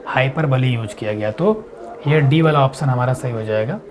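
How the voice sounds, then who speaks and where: A man teaching an exam-prep lesson, explaining step by step and answering his own questions, reading quiz lines slowly. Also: mid-range voice, crowd noise. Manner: reads English quiz lines slowly and deliberately.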